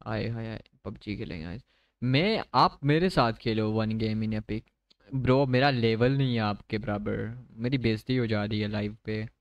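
A man's voice: lowish voice, moderate pace, highs cut off, a little hiss or hum. A man giving chatty live commentary on his game, talking straight to his viewers and mixing in English phrases. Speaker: gaming streamer.

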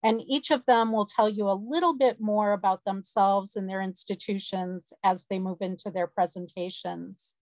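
A woman moderating an online session, presenting slides briskly with casual fillers over a video call. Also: mid-range voice, steady tone, darkish tone, dry recording. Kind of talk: webinar presentation.

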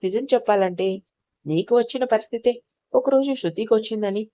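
A woman voicing a calm, protective young sister-in-law who talks in a steady, reassuring way in an audio story. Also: a little high, fairly quick, no echo, lightly acted. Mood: earnest.

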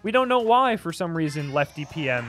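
A young man with a high-pitched voice calls a video game match in a loose, chatty way. He sounds excited whenever the action picks up. Faint music plays underneath. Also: a little fast. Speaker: commentator. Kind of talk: casual game commentary.

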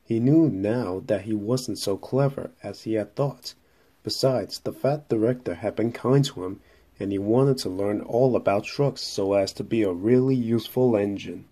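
A man narrating a children's railway story in a measured, steady reading. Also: on the low side.

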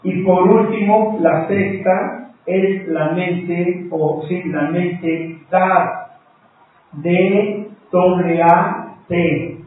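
A man's voice: high-pitched, drawn-out words. A man teaching a live-streamed Bible class, patiently spelling out words letter by letter and addressing listeners as brothers. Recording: echoey room, distant mic, thin phone-like sound.

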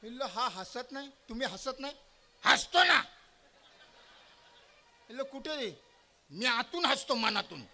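A male stand-up comedian with a very high, bright voice. He tells his stories in a loud, punchy, animated way, live on stage. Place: stage before a live audience.

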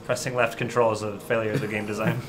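A man's voice: on the low side, flat delivery, fast talker, background noise. A man giving casual comedic commentary on a video game, wisecracking and sarcastic, swearing now and then. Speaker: co-host of a game playthrough. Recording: voice over loud game music.

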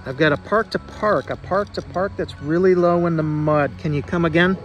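Faint music sits behind a man calling amateur radio contacts from an outdoor park activation. Speaking at a moderate pace in a fairly high voice, he repeats reports and spells call signs using the phonetic alphabet.

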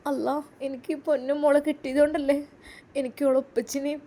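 A gentle young mother and bride, as a woman storyteller puts her on, hushed and tender. She speaks softly in a Malappuram accent. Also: high-pitched, little pitch movement, quick pace. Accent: Malappuram Malayalam.

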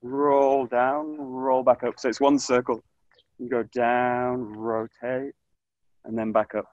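A man in his thirties teaches a live online aikido class outdoors in a grassy orchard, giving calm, short coaching cues. His mid-range voice takes things slowly, picked up by a camera mic whose distance varies as he moves nearer and farther. The recording is dry, with the highs cut off.

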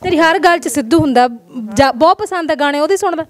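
A woman with a Punjabi accent interviewing a family, asking quick teasing questions to a child. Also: high-pitched.

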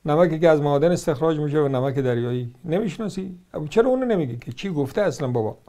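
In a slightly high, expressive, warm voice, a man with an Iranian Persian accent delivers combative religious commentary. He uses sarcasm and a barrage of rhetorical questions to rebut each point in sequence.

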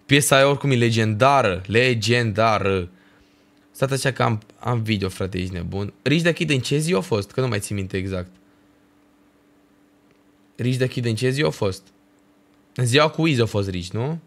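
A man's voice: mid-range voice, pauses often. A young man, chatting casually on a livestream and ranking festival shows, full of slang and swearing. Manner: animated ranting with slang and swearing.

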